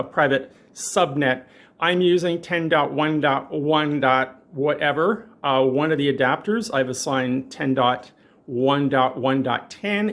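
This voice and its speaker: Presenting a tutorial, a man explains gear to viewers through a hands-on technical demo, informal and enthusiastic. His voice, a touch higher than average, has a fairly bright tone with vocal fry.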